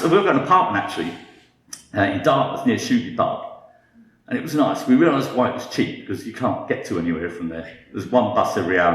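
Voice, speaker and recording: A man's voice: medium pitch, roomy sound, a little hiss or hum. A British man in his fifties giving a humorous talk with dry, self-mocking wit. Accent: British English. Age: 50s. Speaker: guest speaker.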